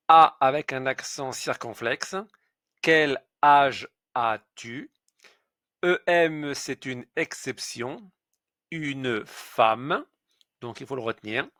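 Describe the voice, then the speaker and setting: A man teaching French pronunciation, spelling out letters and saying example words slowly and clearly. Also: mid-range voice, bright, forceful tone, dry recording, studio quality. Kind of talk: slow pronunciation lesson.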